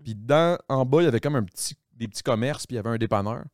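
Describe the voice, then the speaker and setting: A man's voice: mid-range voice, racing, no room sound, clean studio sound. A man with a Quebec French accent hosting a podcast, telling rambling anecdotes full of slang and swearing. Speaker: podcast host. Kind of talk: casual podcast chat.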